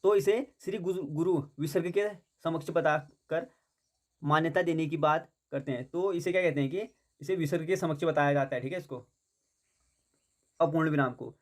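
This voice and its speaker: Man, grammar teacher, fairly high voice, exam-prep lesson, self-answered questions, repetitive, English words mixed in. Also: moderate pace. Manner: repeats points, asks and answers own questions, fills with "theek hai"; mixes English words into Hindi.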